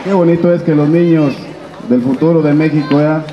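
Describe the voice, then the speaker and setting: A man's voice: on the high side, fairly even intonation, fairly quick, muffled recording. A middle-aged man with a Mexican accent announcing acts at a community festival over an outdoor PA. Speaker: event presenter. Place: outdoor stage in a town plaza. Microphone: handheld microphone. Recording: echoey outdoor PA with crowd.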